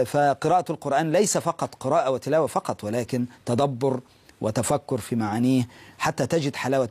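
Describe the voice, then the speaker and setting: Husky man preaching with fervor. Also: mid-range voice, a little mellow, no room sound. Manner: fervent, repeats phrases for emphasis. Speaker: host of a Quran teaching program. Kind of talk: preaching exhortation.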